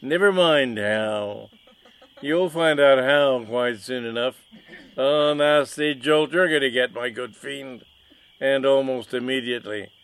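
A man voicing a theatrical, vengeful male stage magician who talks in loud, indignant declarations. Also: mid-range voice, takes it slowly, smooth, pitched above the performer's own voice.

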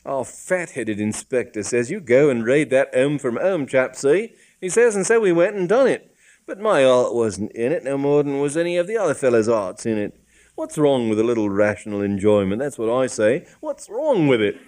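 A man's voice: medium pitch, normal speed, darkish tone, voice pushed up, natural voice. A man voicing a chummy working-class male police constable who talks in slangy, ungrammatical speech. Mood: indignant.

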